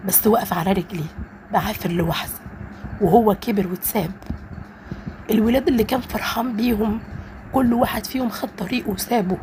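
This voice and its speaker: A woman's voice: mid-range voice, darkish tone, slight background noise. A woman with an Egyptian Arabic accent, narrating a first-person story in an earnest, emotional way.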